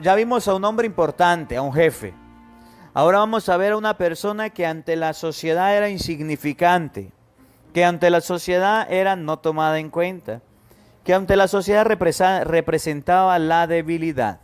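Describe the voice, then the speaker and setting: An emphatic man, a priest preaching a homily in a fairly high voice. He calls his listeners to pay attention and acts out the pleas from the readings. Faint music plays behind him. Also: moderate pace, clean tone. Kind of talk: gospel homily.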